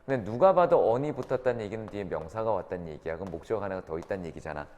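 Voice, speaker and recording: A man's voice: fairly low pitch, animated, very fast, a little mellow, a little hiss or hum. A man teaching an English grammar lesson to students, often checking in with short tag questions. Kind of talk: classroom grammar lecture. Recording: reverberant lecture room.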